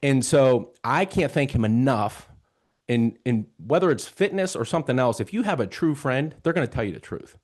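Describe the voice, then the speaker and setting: A man's voice: medium pitch, animated, normal speed, a little mellow. A man in his fifties hosting a show, casually and earnestly telling a personal story and retelling dialogue as he goes. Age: 50s. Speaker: host.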